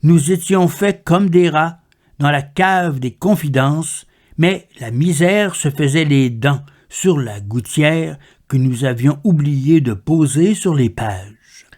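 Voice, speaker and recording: Slow, measured man reading poetry. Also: on the high side, expressive, a little mellow. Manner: measured, deliberate recitation. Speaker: poetry reader.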